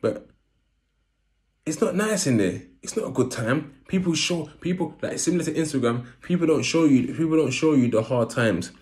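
A man's voice: on the high side, expressive, normal speed, darkish tone. A man with an urban London accent and roadman street slang delivery, telling personal stories casually and repeating phrases for emphasis. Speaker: vlogger. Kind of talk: casual personal storytelling to camera.

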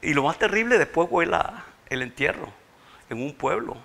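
A man recounts a painful loss in an interview. His voice sits a little high, with a gravelly edge and a bright, tense tone. He halts and repeats words through his tears. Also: expressive. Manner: halting, repeats words when overcome. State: tearful, grieving. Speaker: interview guest, bereaved father. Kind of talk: emotional interview testimony.

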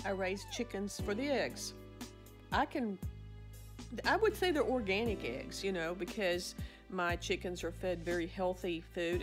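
Folksy woman chatting over music. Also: on the low side. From Arkansas. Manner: folksy, rambling, restarts and trails off. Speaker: vlogger, physician and farmer. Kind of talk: casual chat to camera. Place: small cluttered indoor office. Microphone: phone camera up close.

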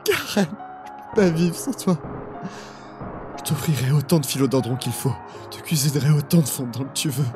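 A man acting an emotional young boyfriend in an audio drama, easily exasperated and expressive. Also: on the high side, normal speed, pauses often, music in the background, close to an everyday voice. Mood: anguished, pleading. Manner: expressive, swinging from soft narration to anguished cries.

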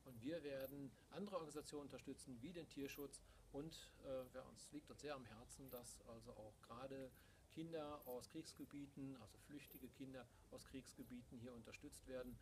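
A middle-aged man co-hosting a casual, unscripted video outdoors, talking to a camera a few metres away. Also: mid-range voice. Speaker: podcast co-host. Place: outdoors in a garden. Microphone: camera mic a few metres away. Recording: noisy outdoor camera recording from a distance.

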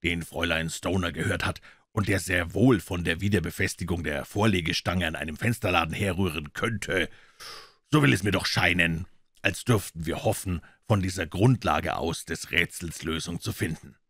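A male reader voicing a calm, polite detective who stays unruffled and reasons things through. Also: sits low, moderate pace, slightly rough, no room sound, clean studio sound, heavily acted. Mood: reasoning.

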